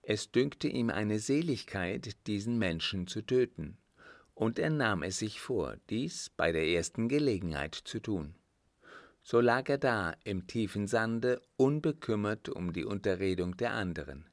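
A man reading a novel aloud in quiet, measured narration. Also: on the low side, expressive, no echo, clean studio sound. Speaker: audiobook narrator. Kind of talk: scripted narration.

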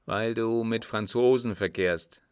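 Cold wary older sheik, read by a man, smooth clear voice, slow, measured. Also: fairly low pitch, darkish tone, no room sound, clean studio sound, natural voice. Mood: cool. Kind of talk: audiobook reading.

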